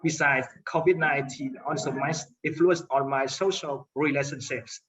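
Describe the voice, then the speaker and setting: A man's voice: mid-range voice, fairly even intonation, moderate pace, a bit bright, low-quality recording. A man recites prepared answers with small hesitations in a classroom English exercise. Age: 20s. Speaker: interview guest. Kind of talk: classroom English speaking exercise, scripted interview.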